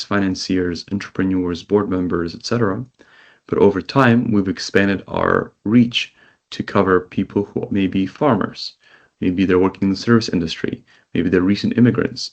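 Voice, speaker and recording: A man who grew up in Israel, a company CEO, giving measured interview answers over a call and listing things one by one. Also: low-pitched. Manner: measured, lists items one by one.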